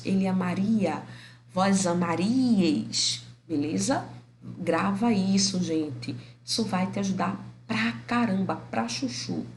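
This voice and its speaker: A woman with a Brazilian Portuguese accent teaching a grammar lesson, affectionate with viewers and stretching out example words slowly to show the stress. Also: mid-range voice, a little mellow, reverberant, a little hiss or hum, low-quality recording. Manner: affectionate, addresses viewers as "meu amor".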